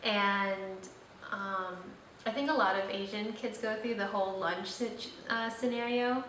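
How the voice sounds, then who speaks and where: In a casual vlog, a young host rambles and fills her speech with fillers, unhurried, with a steady, fairly bright mid-range voice. Faint noise, room echo and a slightly distant mic mark the recording.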